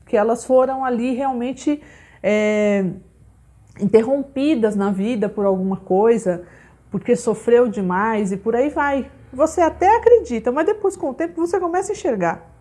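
Woman, spiritual teacher, informal lecture, breathy-husky tone, frequent tag questions. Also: fairly high pitch, normal speed, mellow. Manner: peppers speech with "né?" and "tá?" tag questions. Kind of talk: conversational teaching monologue.

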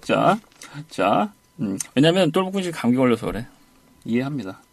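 Brisk male teacher running drills. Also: mid-range voice, big pitch swings, creaky, no echo. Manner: brisk prompting, repeats "one more time". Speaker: English conversation teacher. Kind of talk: audio lesson drills.

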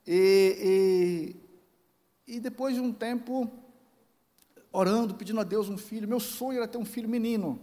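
A man's voice: high-pitched, normal speed, long pauses, mellow. Brazilian pastor in his forties, reverberant hall. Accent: Brazilian Portuguese. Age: 40s. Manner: storytelling with acted dialogue, emotional swings. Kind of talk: sermon. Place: large church hall. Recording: church hall with long reverb.

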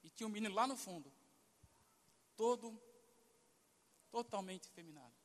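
Man, Brazilian accent, pastor, high voice, storytelling sermon, acts out dialogue. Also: moderate pace, in a large hall. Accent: Brazilian Portuguese. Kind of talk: sermon testimony.

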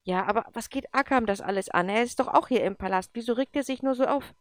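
A woman's voice: fairly high pitch, quick pace, clean tone, no room sound, studio quality, voice pushed up, natural voice. A woman voicing a spoiled, frightened young man raised in a palace, pleading and defensive. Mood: protesting.

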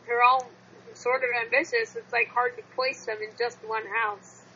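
A woman's voice: a little high, flat delivery, normal speed, pushed and bright, lo-fi sound, a little hiss or hum. A woman chatting casually as a guest in a fan discussion.

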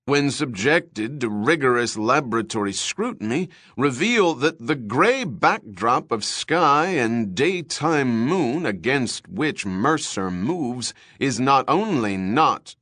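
A man voicing a dry, pedantic male research chief who explains findings on television, slowly and deliberately. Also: mid-range voice, very animated, a bit bright, no room sound, pitched above the performer's own voice, heavily acted. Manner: slow, deliberate, lecturing. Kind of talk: audiobook character voice.

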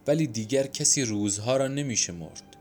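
A man reading a literary story aloud as an audiobook narrator, measured and somber. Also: mid-range voice, animated, a little hiss or hum. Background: soft instrumental music.

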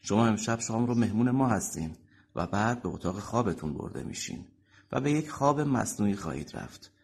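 Narrator doing a confident middle-aged chief, firm, husky. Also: male voice, on the low side. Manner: firm, assured. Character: confident male company chief, about forty.

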